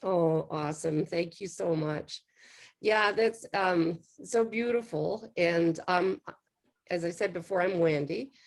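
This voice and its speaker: A woman's voice: lowish voice, slow, gravelly, rough recording. An older woman from Canada hosting an online interview, speaking casually and hesitantly with lots of fillers. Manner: warm, hesitant, many fillers. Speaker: interview host.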